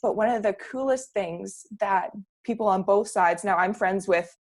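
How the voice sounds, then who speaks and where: A Canadian woman, a political campaigner on a panel, talks at a medium pitch and moderate pace in a casual discussion. She comes across as earnest and opinionated, often restarting her sentences.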